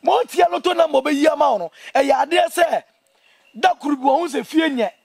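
A young Ghanaian man speaks at a very rapid clip in an impassioned interview. His voice sits extremely high for a man, and his delivery is indignant, emphatic and animated. The sound is close and dry. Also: gravelly, no room sound. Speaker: interview guest, traditional priest. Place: outdoors among trees.

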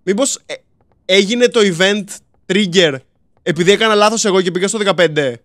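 A young man co-hosting a casual let's-play, jumpy and quick to yelp or laugh when scared. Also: high voice, a bit bright, dry recording, studio quality. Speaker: gaming co-host.

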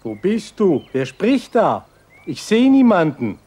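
A man's voice: sits high, wildly swooping pitch, slow pace, dark tone, husky, exaggerated voice. A man playing a dim-witted, blustering would-be hunter in a children's show. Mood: eager. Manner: eager, blustering. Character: dim-witted man eager to catch and shoot. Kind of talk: children's television acting.

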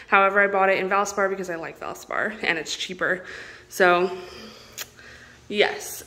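A woman's voice: fairly high pitch, a bit bright. A young woman vlogger gives a chatty house tour full of fillers. She talks in a mostly empty house, so her voice echoes off the bare rooms. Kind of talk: casual house-tour chat.

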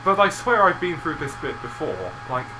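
Brief: co-player, bright tone, deadpan wry quips. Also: mid-range voice, normal speed, a little hiss or hum, low-quality recording. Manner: dry, wry remarks with stumbling restarts. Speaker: let's play co-player. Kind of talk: casual gameplay chat.

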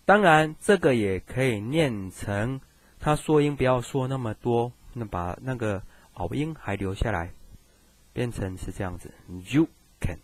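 A man's voice: mid-range voice, expressive, unhurried, no echo. A man teaching Japanese grammar in a recorded screen lesson, chatty and reassuring as he speaks to students.

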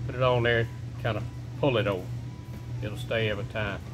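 A man's voice: lowish voice, fairly even intonation, a little fast. A middle-aged man in his workshop, walking through a repair step by step in a casual, folksy way. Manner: plain step-by-step talk with folksy phrasing. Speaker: shop owner showing a repair. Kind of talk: casual how-to instruction. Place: indoor workshop. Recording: music playing underneath. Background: background music.

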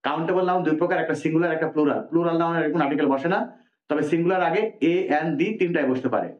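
Guy from bangladesh teaching grammar, kinda high voice, echoey room, dull lo-fi sound. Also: rapid-fire. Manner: explains step by step, asks the listener questions. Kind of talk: spoken grammar lesson.

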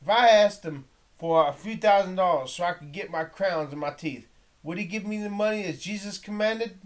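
High-voiced man ranting in commentary. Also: normal speed. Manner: preachy, confrontational, quotes old-style scripture aloud. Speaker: video critic reacting to a documentary. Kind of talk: impassioned off-the-cuff commentary.

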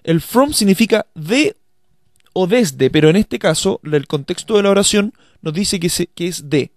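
A man's voice: high-pitched, animated, normal speed, dry recording, studio quality. A man teaching a language lesson, explaining step by step in a patient way and speaking straight to his learners. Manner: addresses learners directly.

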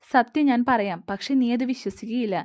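A woman voicing a troubled young man who haltingly confesses a crime in an audio story. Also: fairly high pitch, darkish tone, lightly acted. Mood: remorseful. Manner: halting, guilt-ridden confession.

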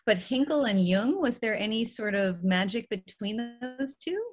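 A woman hosting an online talk, asking halting, hesitant questions over a video call. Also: on the high side, soft background music. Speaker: host. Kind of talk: casual webinar moderation.

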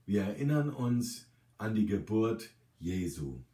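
A man calmly and gently reading a short story aloud as its narrator. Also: on the low side, slow pace, far from the mic. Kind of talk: scripted narration. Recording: roomy, from the mic.

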